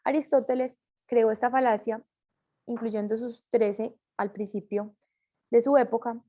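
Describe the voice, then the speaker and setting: A woman's voice: a little high, steady tone, unhurried, dark tone. A woman reading a class presentation aloud, with small slips and self-corrections as she goes.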